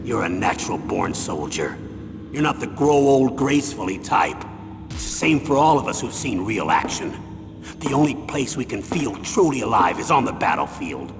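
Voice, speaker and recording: Gravelly military colonel giving a briefing, reverberant. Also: male voice, lowish voice, sing-song. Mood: stern, persuasive. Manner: measured, authoritative briefing delivery. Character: stern veteran military colonel, persuasive and insistent. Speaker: commanding officer. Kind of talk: military mission briefing, scripted game acting. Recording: long reverb, music behind. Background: music.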